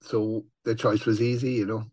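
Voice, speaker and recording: A man with a gravelly growl, chatting casually as an interview guest and swearing as he tells stories. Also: on the low side, moderate pace, no room sound. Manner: swearing, animated storyteller who acts out voices. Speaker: touring metal musician, guest.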